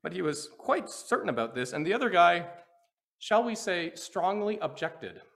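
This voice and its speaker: A man, a pastor preaching a sermon and telling a personal story with earnest, animated delivery. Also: high-pitched, moderate pace, gravelly. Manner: earnest storytelling that swings between quiet reflection and animated retelling.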